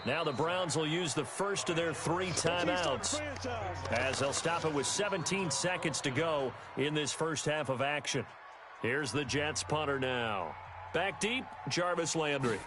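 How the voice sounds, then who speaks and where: A man voicing a football play-by-play announcer in a sports video game, calling the action in a brisk, measured way. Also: on the high side, expressive, noisy background. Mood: upbeat. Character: adult male football announcer, steady and upbeat. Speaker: play-by-play commentator. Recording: loud game sound underneath.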